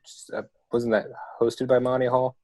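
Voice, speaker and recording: A man's voice: mid-range voice, completely flat delivery, moderate pace, darkish tone, no echo, poor audio. A man in easygoing casual chat on a video call, a bit self-deprecating. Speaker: robot team member.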